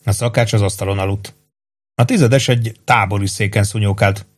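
In a lowish voice, a man narrates a novel for an audiobook, reading from a script at an even, deliberate pace.

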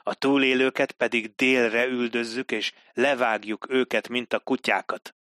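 A man's voice: medium pitch, fairly even intonation, pushed and bright, no room sound, clean studio sound, close to an everyday voice. A man doing a boastful, menacing commander.

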